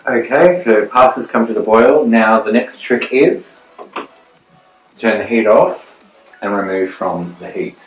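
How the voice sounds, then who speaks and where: A middle-aged man with a fairly low voice talks casually through a recipe as he cooks. The sound has a roomy echo from his home kitchen. Pots and cutlery clatter clearly around him. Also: a little slow, a little hiss or hum. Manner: chatty, gives tips while working at the stove. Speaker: cooking show host. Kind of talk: casual cooking demonstration. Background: cutlery and pan clatter.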